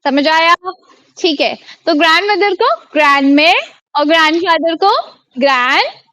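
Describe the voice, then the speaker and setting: An Indian woman working as an online French tutor teaches a live class over a video call, quizzing her students and repeating each word. Her voice is very high and fairly bright, at a moderate pace, with no room sound.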